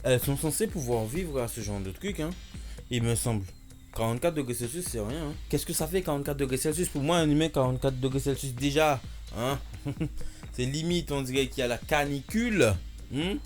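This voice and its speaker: A young man talking casually over clips in a YouTube reaction video, cracking jokes and tossing in sarcastic asides. His voice sits at an ordinary middle pitch. Soft music plays faintly behind him. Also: brisk. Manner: joking, sarcastic asides, many filler "hein".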